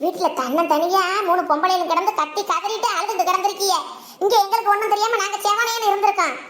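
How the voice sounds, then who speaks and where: Woman doing a cartoon village mother-in-law, southern Tamil dialect, reproachful, nagging, very high pitch, echoey room. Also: steady tone, fast talker, fairly bright tone. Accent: southern Tamil Nadu village dialect. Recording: roomy echo.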